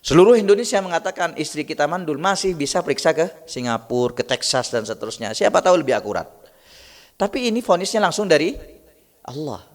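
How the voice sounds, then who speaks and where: A man's voice: fairly high pitch, big pitch swings, fast talker. A man preaching a Ramadan dawn sermon, telling stories and reciting Arabic phrases while speaking straight to the congregation. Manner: retells stories, mixes in Arabic recitation, addresses the congregation directly. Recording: long reverb from a large hall.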